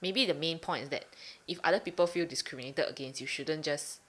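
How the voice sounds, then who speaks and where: A woman's voice: low voice, a little fast, fairly bright tone. A young adult woman with a Singaporean accent, chatting casually on a podcast in colloquial Singlish. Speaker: podcast host. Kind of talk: casual chat.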